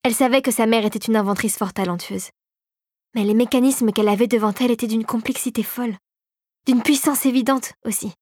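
Calm woman narrating a storybook. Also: a little high, a little fast, no echo, clean studio sound. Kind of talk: scripted audiobook narration.

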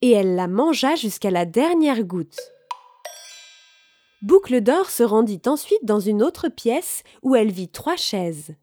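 A woman reading a children's story aloud, slowly and expressively, with clear articulation. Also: a little high, sing-song, mellow, soft background music.

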